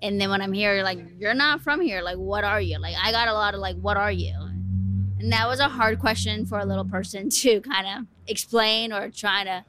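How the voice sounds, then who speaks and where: A woman's voice: mid-range voice, moderate pace, bright, forceful tone. A young woman in a casual interview, talking loosely with frequent fillers.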